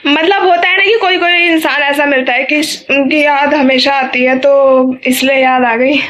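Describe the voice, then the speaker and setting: A young woman with a high voice talks to her viewers in a casual, emotional way. She rambles, stops herself and starts over. It sounds like a simple home vlog. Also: fairly even intonation, normal speed, a bit bright. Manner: emotional, rambling, self-correcting. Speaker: vlogger.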